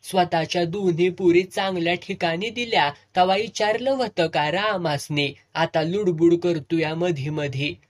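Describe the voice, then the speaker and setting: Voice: mid-range voice, close to an everyday voice. A storyteller voicing a fierce middle-aged village aunt with a rural Marathi accent, delivering an abusive tirade. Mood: scolding. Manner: scolding, abusive, rapid tirade.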